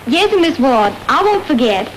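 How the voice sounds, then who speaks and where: A woman's voice: sits high, very animated, measured pace, a little hiss or hum, poor audio. A frightened, pleading girl with a Southern drawl. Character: frightened young woman suspect. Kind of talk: 1930s radio acting.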